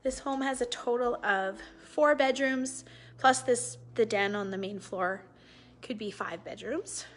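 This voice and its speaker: A woman's voice: a little high, fairly bright tone, a little hiss or hum. A woman, a real estate agent giving a live virtual tour, walking through a house and talking upbeat and admiring into a handheld phone. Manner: upbeat, admiring, slow and deliberate. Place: large house indoors, walking room to room. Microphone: phone held at arm's length.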